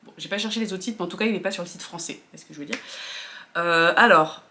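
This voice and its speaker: A woman's voice: on the low side, fast, pushed and bright, slight background noise. A woman vlogger chatting casually to camera about luxury goods, with many fillers and restarts.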